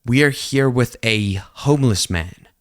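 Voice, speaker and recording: A man's voice: mid-range voice, measured pace, lightly acted. A man playing an earnest TV news reporter in a mock breaking news broadcast, formal with exasperated asides. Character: earnest TV news anchor and flustered field reporter in skit.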